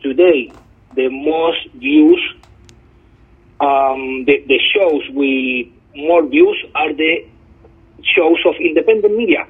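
Man, husky voice, somewhat high, phone-line sound, hesitant ums, earnest guest. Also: slow pace. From Chile. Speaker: guest journalist. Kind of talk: phone interview. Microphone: telephone.

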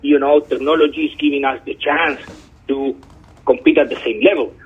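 A man's voice: mid-range voice, flat delivery, normal speed, husky. A man from Chile, a guest journalist speaking over the phone in an interview, talking earnestly with many hesitant ums. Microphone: telephone. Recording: tinny phone line.

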